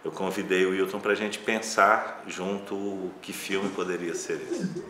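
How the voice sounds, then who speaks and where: A man's voice: low-pitched, flat delivery, a little slow, pushed and bright. A man with a Brazilian accent speaking casually and reflectively as a film director in an interview, with loosely phrased asides. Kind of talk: casual interview talk about his filmmaking. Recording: roomy echo, faint background noise.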